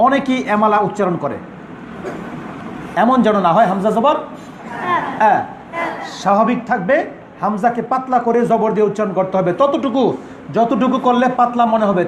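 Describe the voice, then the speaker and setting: Male recitation teacher, high voice, patient syllable drills, echoey room with crowd noise. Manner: drills sounds, repeats syllables, checks understanding. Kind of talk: Quran pronunciation class.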